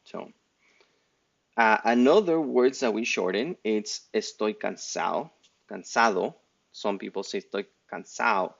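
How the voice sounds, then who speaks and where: A man's voice: fairly low pitch, measured pace, vocal fry, dull audio. A man from Mexico with a Mexican accent, giving a loose, unscripted Spanish lesson with many restarts and fillers. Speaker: Spanish teacher. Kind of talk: casual spoken language lesson.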